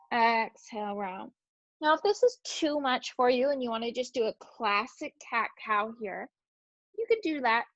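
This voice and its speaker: A woman instructor calmly guiding a gentle yoga class, cueing each breath and movement. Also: on the high side, no echo, dull audio.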